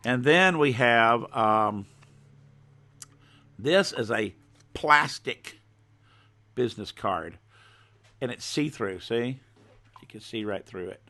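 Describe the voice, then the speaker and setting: Bright-voiced man hosting casual home shopping. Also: medium pitch, lively intonation, slow, long pauses. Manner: folksy, informal show-and-tell. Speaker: host of a live stream selling his own goods.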